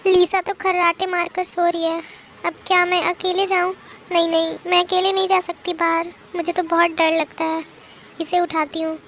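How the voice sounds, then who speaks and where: A woman's voice: extremely high pitch, level tone, normal speed, a bit bright, a little hiss or hum. A woman voicing a timid, easily frightened young woman who pleads and mutters to herself in a fan-made drama dub. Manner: anxious, pleading, talking to herself.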